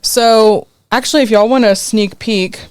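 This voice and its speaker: A woman's voice: fairly high pitch, steady tone, a little slow, clear, resonant tone, no room sound. A woman from the sponsoring company, chatting casually and laughing easily as a podcast guest. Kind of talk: casual chat.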